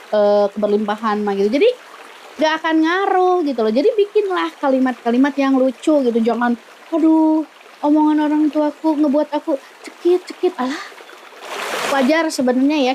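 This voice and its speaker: Giggly high-voiced woman, Sundanese accent. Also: a little fast, darkish tone, a little hiss or hum. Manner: playful and giggly, with frequent pious exclamations. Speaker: manifestation coach. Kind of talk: casual teaching talk.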